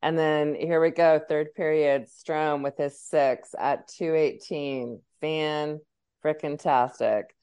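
A woman co-hosting a casual sports podcast, giving a relaxed recap of a game. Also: low-pitched, slow, clear, resonant tone.

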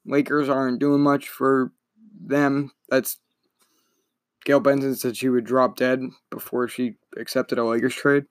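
A man's voice: mid-range voice, flat delivery, measured pace, no echo, clean studio sound. A young man hosting a casual solo sports podcast, talking in a rambling, chatty way and often correcting himself. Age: young adult. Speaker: podcast host.

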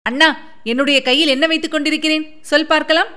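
A woman's voice: high voice, quick pace, pitched above the performer's own voice. A woman reading a story and voicing a playful young village girl who coaxes her older brother in a sing-song voice. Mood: teasing. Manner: pleading, sing-song, excitable. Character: lively young village girl, playful, coaxing little sister.

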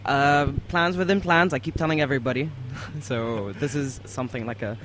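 Male podcast guest, untypical Emirati accent. Mid-pitched, halting, excitable storyteller, recorded with background noise. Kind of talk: casual interview storytelling.

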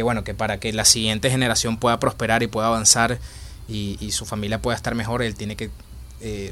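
Young Venezuelan man, low flat delivery, hesitant interview answers, faint noise. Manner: thoughtful, many fillers and restarts. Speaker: filmmaker and actor.

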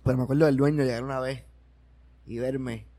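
A Puerto Rican comedian in casual chat, slangy and repeating words for emphasis. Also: male voice, mid-range voice, steady tone, a little fast, dark tone. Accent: Puerto Rican Spanish.

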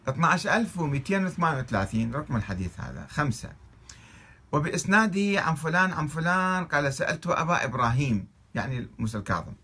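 Fast, husky Iraqi man arguing a point. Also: medium pitch, sharp tone. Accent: Iraqi Arabic. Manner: argumentative, fires off rhetorical questions. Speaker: religious commentator. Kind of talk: reading and critiquing religious texts.

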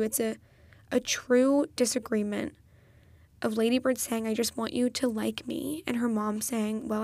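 A young woman talks through a film on her own podcast, eagerly retelling its scenes with real feeling. Her voice sits a little on the high side. The recording is dry and close, with no room sound. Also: no room sound. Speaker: podcast host. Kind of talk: solo film review podcast.

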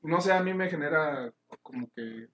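A Mexican man with a slightly high voice argues his point in slang-filled talk. He sounds roomy and echoey, with a faint noise floor. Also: animated, normal speed, fairly bright tone. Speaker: co-host. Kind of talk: casual slangy banter.

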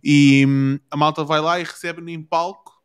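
A man's voice: fairly high pitch, steady tone, moderate pace, clean tone. A man with a European Portuguese accent chatting casually, using plenty of slang and swearing freely. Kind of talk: casual chat.

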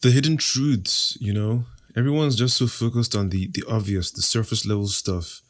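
A podcast host and interview guest, this young Igbo-speaking man from Nigeria answers quick questions in a low voice. His manner is confident and self-assured with a cocky, playful streak, as if he enjoys hearing his own lines.

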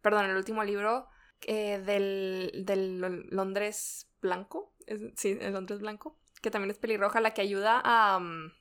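A woman's voice: mid-range voice, flat delivery, a little slow, a bit bright. Woman, casual book chat, laughs a lot, trails off. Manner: chatty, laughs often, trails off mid-thought. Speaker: book podcast co-host.

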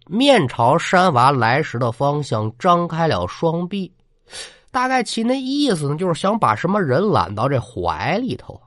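A man's voice: mid-range voice, fairly bright tone, no room sound, clean studio sound. A man narrating a ghost story in a chatty, dramatic storyteller manner, with asides to the listener.

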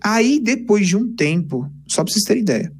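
A young man, casually telling lively stories on a podcast. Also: high-pitched, normal speed, husky. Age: 20s. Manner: animated, chatty, peppers speech with "cara". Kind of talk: casual storytelling chat.

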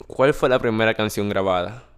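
A man's voice: fairly low pitch, brisk, smooth. A man with a Dominican accent chatting casually as a co-host, slangy and teasing. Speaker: podcast co-host. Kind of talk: casual bantering chat.

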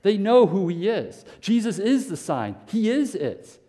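A man's voice: high voice, very animated, unhurried, dark tone, in a large hall. A male pastor preaching a sermon, asking rhetorical questions and repeating words as he restarts. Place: church sanctuary.

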